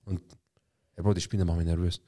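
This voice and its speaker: A young man tells a rambling story in a casual, slang-heavy chat. His voice sits low and dark, and the words tumble out quickly. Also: level tone.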